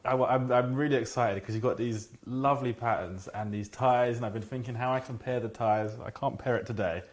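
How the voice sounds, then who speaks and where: A man's voice: medium pitch, fairly even intonation, fairly quick. A man hosting a video blog, interviewing a guest with eager questions and prompts. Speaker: interviewer, vlog host. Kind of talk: casual interview.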